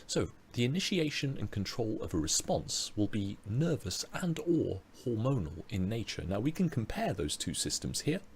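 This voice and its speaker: British male tutor, hoarse, animated delivery, lots of fillers, webinar mic. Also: fairly low pitch, moderate pace, hardly any pauses, slight background noise. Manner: explanatory, with frequent fillers and restarts. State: losing his voice. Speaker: biology tutor. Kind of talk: online revision lecture.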